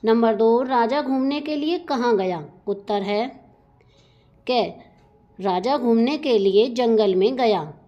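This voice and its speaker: A woman teacher reading a children's story aloud and going through the lesson questions in a clear, careful voice. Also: a little high, slow pace, lo-fi sound.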